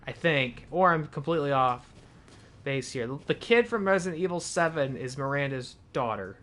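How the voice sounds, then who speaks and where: Man, gaming streamer, fairly high voice, animated, chatty, thinks out loud. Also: normal speed, slight background noise. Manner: chatty, self-correcting, thinks aloud. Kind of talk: live gameplay commentary and reading in-game files aloud.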